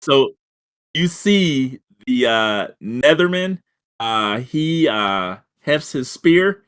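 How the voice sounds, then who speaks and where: A man runs a tabletop role-playing session as game master, describing the scene at a slow, unhurried pace. His narration is halting, full of fillers and restarts. His voice sits in an ordinary middle register. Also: mid-range voice, expressive, a bit bright, clear, resonant tone.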